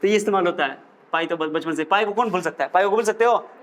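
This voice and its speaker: A man's voice: high-pitched, fast. A man teaching a physics class, quizzing his students as he explains. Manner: lively, coaxing, quizzes students with questions. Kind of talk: classroom lecture.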